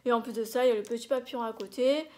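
Gushing high-voiced woman vlogger. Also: fairly even intonation, rapid-fire, a little mellow. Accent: French. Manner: gushing, many filler "euh"s, repeats "j'adore". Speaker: scrapbooking vlogger. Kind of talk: casual product haul.

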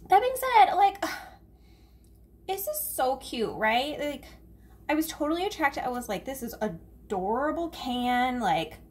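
A woman talks through a drink review in a loose, casual vlog. Her voice sits a little high, and she rambles with plenty of fillers, swearing and dry sarcasm. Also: expressive, slow pace. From United States.

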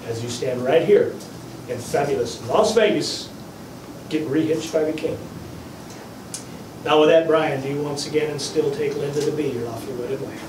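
A man's voice: a little high, normal speed. Male [name] impersonator officiant; ceremonial, playful, recorded at a distance with slight background noise. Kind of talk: officiating a vow renewal ceremony. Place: small indoor wedding chapel. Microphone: distant camera mic. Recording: echoey room, distant mic, faint noise.

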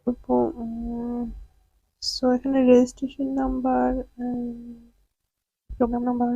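A woman's voice: on the high side, monotone, slow pace, creaky, dark tone, slightly rough, lo-fi sound, soft background music. A young woman from Bangladesh, chatting casually in a vlog and mixing in English words. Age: young adult. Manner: chatty, mixes English words, nervous then wry. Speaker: vlogger.

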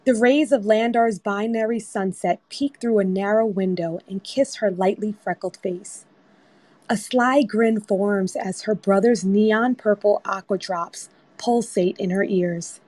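A woman reads the scene directions of a screenplay aloud at a measured pace, her middle-pitched voice carrying a darkish tone. Recorded through an online group voice-chat app, the sound is very dry with no echo.

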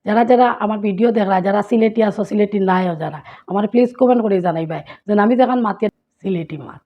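In a casual vlog, a woman from Sylhet, Bangladesh, teaches dialect words, reeling off local terms one after another in a Sylheti Bengali accent. Her voice sits mid-range and she talks quickly, repeating words alongside their local forms. The audio is muffled.

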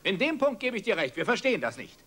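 An actor playing a middle-aged father who gruffly lectures his grown son, in dubbed film dialogue. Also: high voice, very animated, fast, pushed and bright, full character voice. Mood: angry.

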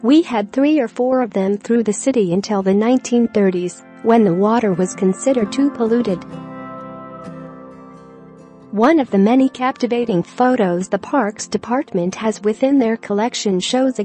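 Woman, scripted news narration, slightly high pitch, mellow tone, flat read-aloud delivery, faint music behind.

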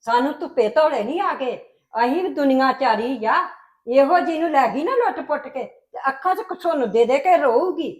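A woman playing an older grandmother who grumbles and complains with a sharp tongue, in an amateur family drama. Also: sits high, lively intonation, normal speed. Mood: grumbling. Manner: scolding, gossipy complaint.

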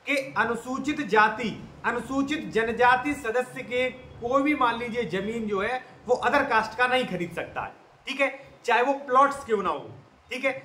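A man's voice: very high voice, pushed and bright. A man, earnestly explaining a legal issue to his viewers in a monologue. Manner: earnest, repeatedly addresses viewers as companions. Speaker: legal commentator. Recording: echoey room with faint noise.

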